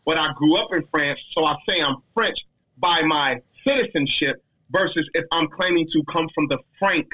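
A man in a casual discussion, talking in an emphatic, slangy, animated way as he answers a question. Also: on the high side, moderate pace, breathy edge, low-quality recording.

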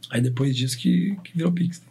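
Fast-talking Brazilian man with gravelly fry. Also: medium pitch, warm tone. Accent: Brazilian Portuguese. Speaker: interview guest, designer and videographer. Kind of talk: casual conversational storytelling.

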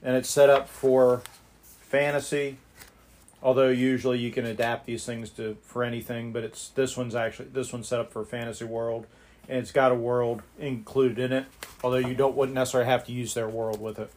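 A man hosts a homemade podcast in an informal, unscripted way. His voice sits at an ordinary middle pitch, and he talks plainly into a phone. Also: little pitch movement, brisk, a little mellow. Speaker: podcast host. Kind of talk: casual podcast talk.

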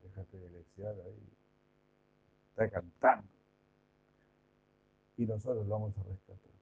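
A man's voice: on the low side, fairly even intonation, a little slow, creaky, a little mellow. A man giving an informal devotional lecture, chatty, full of rhetorical questions and mock imitations. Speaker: devotional preacher. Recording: tinny phone-like sound.

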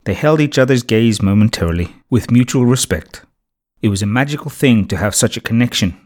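A man's voice: mid-range voice, fairly quick. Man narrating a children's storybook. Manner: steady, clear storytelling.

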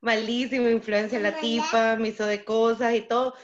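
A woman's voice: on the high side, level tone, normal speed. Reflective woman, muffled recording. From El Salvador. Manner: reflective, talks in loose rambling sentences. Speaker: guest. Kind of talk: casual chat. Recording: dull lo-fi audio.

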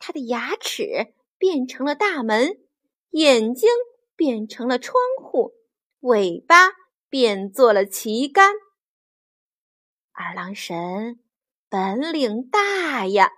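A woman's voice: a little high, very animated, takes it slowly, long pauses, fairly bright tone. A woman narrating a children's story playfully, with sound effects and exclamations.

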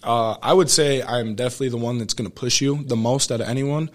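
A man's voice: medium pitch, quick pace. A young American man, a student athlete, telling earnest, informal, rambling anecdotes as a guest in a casual interview. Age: young adult.

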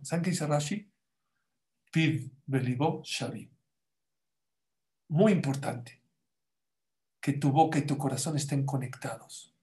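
A man, a religious teacher who tells children stories and teaches them in an animated way, repeating words and asking them questions. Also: medium pitch. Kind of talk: lesson and storytelling for children.

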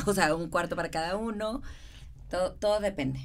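A woman's voice: lowish voice, normal speed. A middle-aged woman with a northern Mexican accent from Monterrey, chatting casually and explaining with colloquial examples as an interview guest. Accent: northern Mexican, Monterrey regio. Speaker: guest, real estate consultant and architect.

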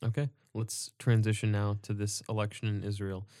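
A man's voice: on the low side, flat delivery, moderate pace, warm tone, clean tone, no echo, studio quality. A young man co-hosting a podcast who introduces topics in a casual, hesitant way with fillers. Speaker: podcast co-host. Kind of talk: casual political discussion.

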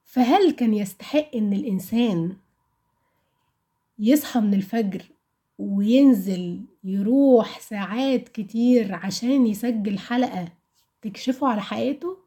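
A young woman around twenty speaks Arabic with an Egyptian accent. Her voice sits a little high, with a warm, relaxed tone. She talks like someone casually sharing personal reflections with listeners, candid and conversational, often putting questions to herself. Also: unhurried, pauses often. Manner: candid, conversational, asks rhetorical questions and answers them.

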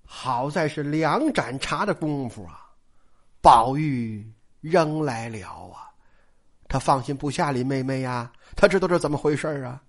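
Animated woman storyteller talking to listeners. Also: rumbling low, measured pace. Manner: chatty, addresses listeners directly, animated. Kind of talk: colloquial storytelling of a classic novel.

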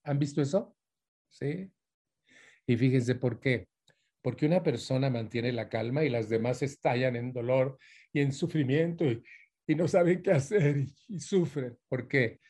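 A man's voice: medium pitch, a little mellow. A man giving a live motivational talk to an audience, asking them questions and acting out angry outbursts. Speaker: motivational speaker.

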